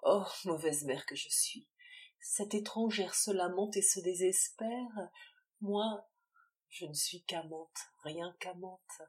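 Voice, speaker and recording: A woman's voice: mid-range voice, huge pitch swings, takes it slowly, a little mellow. A woman reading as Valentine, anguished confessor. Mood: despairing. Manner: despairing, impassioned. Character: anguished young woman confessing a secret child. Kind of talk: audiobook character reading.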